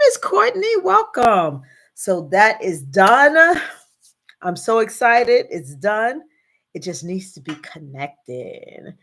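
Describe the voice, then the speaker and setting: A middle-aged woman hosts a casual live stream and chats in an easy, unhurried way. Her voice sits a little low, and she greets viewers by name and fills pauses with "um" and "uh". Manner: chatty, greets viewers by name, many fillers. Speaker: host of a live stream show.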